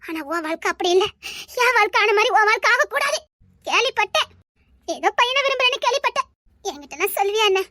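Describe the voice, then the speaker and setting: A high voice doing a sorrowful Tirunelveli elder sister. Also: expressive, quick pace, no room sound, clean studio sound, exaggerated voice. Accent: Tirunelveli Tamil. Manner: tearful, soft-spoken, affectionate. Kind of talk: homemade family drama.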